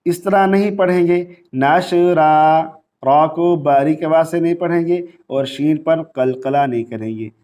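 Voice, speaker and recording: A male Quran teacher leading a tajweed lesson. He explains rules quickly in Urdu with a Pakistani accent, then recites the Arabic verses slowly in long, drawn-out tones. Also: on the high side, warm tone.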